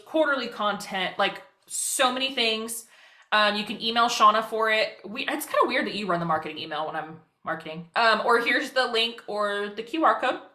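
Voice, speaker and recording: Bright, rapid-fire woman presenting a webinar. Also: on the high side. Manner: very fast, rapid-fire talking; chatty, self-deprecating asides. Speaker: social media educator presenting a webinar. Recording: roomy, echoing sound.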